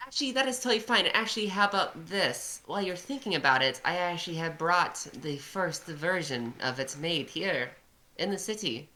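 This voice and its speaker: Woman playing a low-voiced, hesitant woodworker. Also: normal speed, bright, forceful tone, slight background noise. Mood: friendly. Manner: hesitant, searching for words. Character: modest, sincere woman woodworker and inventor in fantasy game.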